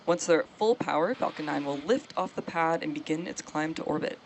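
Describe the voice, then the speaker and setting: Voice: mid-range voice, a little fast, vocal fry, slight background noise. A launch webcast host giving explanatory live commentary on a rocket launch.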